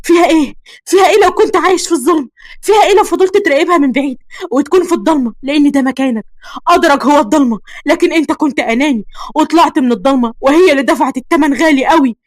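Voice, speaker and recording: A woman's voice: a little high, animated, fast, dry recording, clean studio sound, natural voice. A woman with an Egyptian accent voicing a young man in love who pleads and despairs, in a storybook reading. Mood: self-reproaching. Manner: pleading, desperate.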